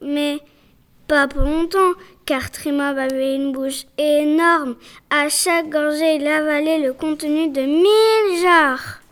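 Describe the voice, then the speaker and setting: Young woman storyteller, high bright voice, reading a folk tale aloud. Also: slow.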